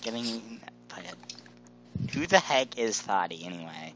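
A man's voice: on the low side, animated, measured pace. A young man playing a card game over voice chat, joking, swearing and laughing often. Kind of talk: casual voice chat while gaming. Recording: noisy voice chat mic.

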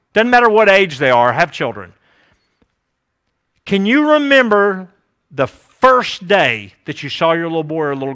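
A man's voice: high voice, pushed and bright. A middle-aged man preaching a sermon to a live audience, emphatic, often asking them questions.

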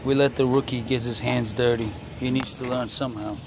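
A young man narrates a rooftop repair job into his phone in a casual, foul-mouthed way. His voice sits at an ordinary pitch for a man. Loud air-conditioning hum and street noise fill the space around him. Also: fairly even intonation, a little fast. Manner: blunt, profane, joking with his apprentice. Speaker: HVAC technician. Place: outdoors on a building rooftop. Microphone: handheld phone camera. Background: air-conditioning hum and traffic.

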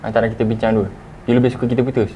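A man's voice: mid-range voice, little pitch movement, racing, mellow, muffled recording, slight background noise. A young man with a Malaysian accent, arguing curtly and confrontationally. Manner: curt and confrontational. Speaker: vlogger in a staged couple quarrel. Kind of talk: staged couple argument.

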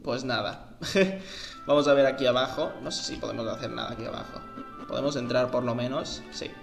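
A man's voice: mid-range voice, a little fast, creaky, music in the background. A man giving casual, slangy commentary while playing a video game. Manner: chatty, slangy, thinks aloud. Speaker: let's play gamer.

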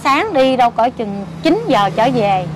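A woman's voice: on the high side, sing-song, measured pace. An older woman with a Southern Vietnamese accent, chatting emphatically and telling her story with exclamations. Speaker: interviewee, lottery ticket seller's mother-in-law. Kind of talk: casual conversation. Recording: street noise behind.

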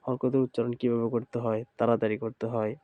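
This is a slow recorded lesson in Quran recitation, taught by a man whose accent is Bangladeshi Bengali; he chants the letter sounds in rhythm and goes over drills again and again. He speaks at a medium pitch with a flat delivery, and the phone-quality audio carries no room sound.

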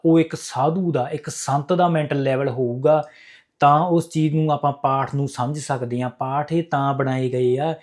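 A man's voice: medium pitch, darkish tone. A man with a Punjabi accent giving earnest, preachy spiritual advice straight to his viewers, repeating key phrases as he instructs. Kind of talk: earnest instructional talk to camera.

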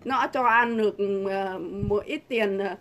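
A woman's voice: mid-range voice, a little slow, heavy background noise. A middle-aged woman, delivering a combative, insulting vlog rant full of rhetorical questions. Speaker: vlogger. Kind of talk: angry political rant to camera.

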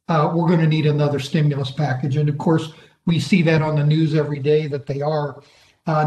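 A man's voice: on the high side, a little mellow. A man giving a plain-spoken program update in a virtual meeting, with many fillers. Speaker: economic recovery coordinator. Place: home or office on a video call. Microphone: video call. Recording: echoey room on a video call.

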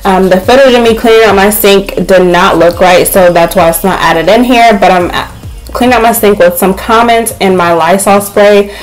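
A young woman casually narrating her home cleaning vlog in a relaxed, chatty way, with frequent filler words. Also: medium pitch, normal speed, rough recording. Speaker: cleaning vlogger. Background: faint background music.

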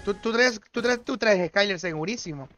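A man's voice: high-pitched, moderate pace, fairly bright tone, slight background noise. A young Mexican man streaming a shooter game, joking and teasing his teammates in slangy banter. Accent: Mexican Spanish. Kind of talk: livestream gaming chat.

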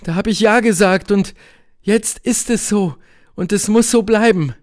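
A man's voice: high voice, measured pace, darkish tone, voice pushed up. A man reading an audiobook, voicing a troubled young woman who is bound by duty, pleading and tense.

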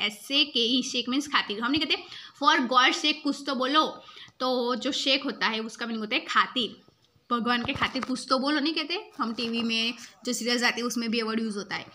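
A woman's voice: fairly high pitch, sharp tone, slight background noise. A woman teacher recording a video lesson, spelling out words letter by letter and repeating each meaning twice.

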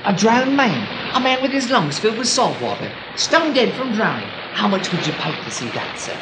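A man's voice: high voice, wildly swooping pitch, fairly quick, background noise, exaggerated voice. A man doing a wheedling waterfront hustler. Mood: persuasive. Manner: persistent salesman patter, stammering, keeps saying sir. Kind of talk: improvised comedy sketch.

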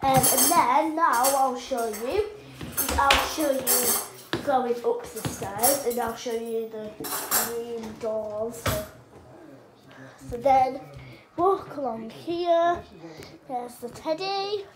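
A girl with a fairly high, slow-paced voice gives a hesitant, rambling tour of her suburban house and garden, full of ums, holding her phone at arm's length. Loud music plays behind her in this casual home vlog. The phone recording is noisy.

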